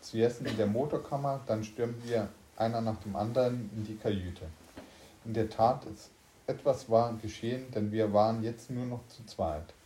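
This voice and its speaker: A man's voice: mid-range voice, normal speed, dark tone, reverberant, slight background noise. A man reading a science fiction story aloud in German, unpolished, with slips and restarts. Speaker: story reader.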